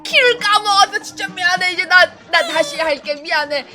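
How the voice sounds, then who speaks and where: A woman's voice: very high-pitched, moderate pace. A woman playing a whiny, helpless husband. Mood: pleading. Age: young adult. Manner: whiny, pleading, melodramatic. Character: hapless apologetic young husband, self-pitying. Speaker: co-host gamer. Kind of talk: playful role-play during co-op gameplay. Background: game music.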